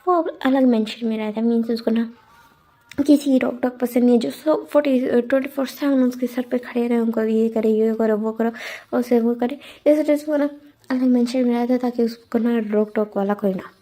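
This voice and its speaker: A woman's voice: on the high side, fairly even intonation, moderate pace, warm tone. A young woman casually retelling a fanfiction story, chatty with lots of fillers and English words thrown in.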